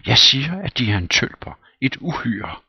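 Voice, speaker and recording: A man reading a play aloud and voicing an outraged young widow in a shrill, indignant falsetto. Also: sing-song, slightly rough, no room sound, lo-fi sound, full character voice. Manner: shrieking, indignant, high.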